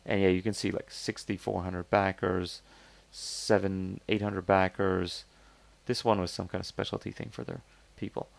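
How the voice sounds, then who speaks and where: A man talks through a product review in a loose, rambling way, stopping and restarting as he thinks aloud. His voice sits a little low with a gravelly edge. The sound is close and dry, with no room around it. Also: little pitch movement, moderate pace, no echo. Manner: skeptical, conversational. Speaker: host reviewing crowdfunding products. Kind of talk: casual product review talk.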